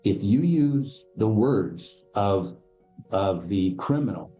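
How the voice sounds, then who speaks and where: A man's voice: on the low side, expressive, takes it slowly, warm tone, soft background music. A man, a podcast guest and financial educator, explaining in a casual interview, emphatic and acting out the people in his stories. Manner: emphatic storyteller, acts out quoted voices.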